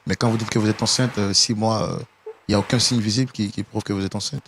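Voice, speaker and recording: A man's voice: on the low side, steady tone, fast talker, a bit bright, slight background noise. A man hosting a talk show, questioning a guest insistently. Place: television studio.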